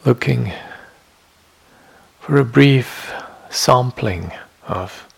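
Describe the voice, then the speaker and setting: A male meditation teacher speaks in a meditation hall, guiding listeners with short, measured phrases and long pauses. His voice sits in the mid range and sounds husky and gravelly.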